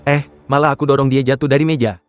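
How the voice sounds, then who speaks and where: Fast-talking man narrating a story recap. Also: mid-range voice, fairly even intonation, soft background music. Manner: casual slangy storytelling.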